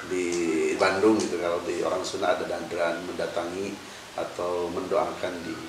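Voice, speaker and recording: Brief: male preacher, lowish voice, halting delivery, recorded in a roomy space off-mic. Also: level tone. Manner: halting, thinking aloud with fillers. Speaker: Islamic preacher. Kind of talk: casual religious discussion. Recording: echoey room, distant mic, faint hiss.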